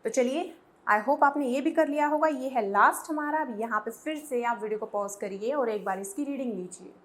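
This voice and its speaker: A woman teaches English idioms to Hindi speakers in a language lesson, switching between Hindi and English. Her voice sits on the high side at a moderate pace, and she patiently spells words out letter by letter.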